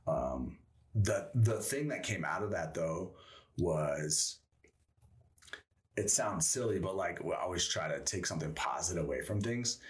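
A man's voice: deep voice, lively intonation, measured pace, far from the mic. A man in his thirties and a former soldier, telling a rambling, profane story in casual interview talk. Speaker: guest, former Green Beret.

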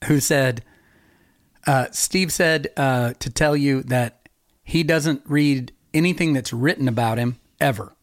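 A man's voice: mid-range voice, takes it slowly, dry recording. Easygoing guy cohosting a podcast, rambles and laughs a lot, dry close sound. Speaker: podcast co-host. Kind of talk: casual chat.

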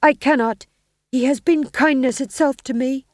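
Storybook voice: a woman playing a nervous, wavering husband, raised and a little higher in pitch. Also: fairly even intonation, moderate pace, dry recording, clean studio sound, close to an everyday voice. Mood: fearful. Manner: hesitant, fearful. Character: timid, hesitant husband.

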